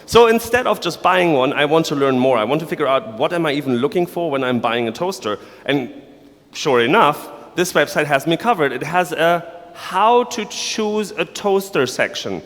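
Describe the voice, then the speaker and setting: A man's voice: a little high, animated, normal speed, fairly bright tone. A man from Germany, giving a playful, sarcastic conference talk to developers. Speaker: conference speaker. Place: large conference hall. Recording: long reverb of a large hall.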